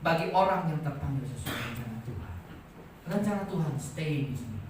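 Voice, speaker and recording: A man with an Indonesian accent preaching a sermon, swinging between loud shouted peaks and quiet joking asides with the congregation. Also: medium pitch, sing-song, moderate pace, far from the mic, a little hiss or hum. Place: large church hall. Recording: very echoey hall, voice from afar.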